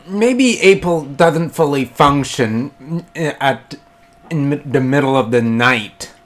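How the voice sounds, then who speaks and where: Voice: mid-range voice, expressive, slow. A let's play co-host chatting casually about the game, hesitant and stumbling over words.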